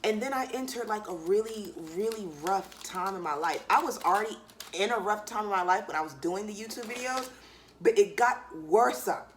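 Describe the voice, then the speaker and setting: A young woman vlogging to camera, talking in a candid, relaxed way with loose slang and lots of fillers while she eats. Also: medium pitch, normal speed, slight background noise. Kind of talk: casual chat to camera.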